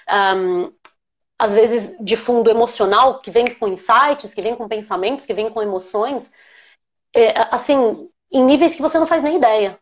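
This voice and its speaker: A woman with a Brazilian Portuguese accent, an aromatherapist hosting a live chat, talking in an animated, emotional way. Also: on the high side. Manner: animated, emotional, laughs while telling. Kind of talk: casual live chat storytelling.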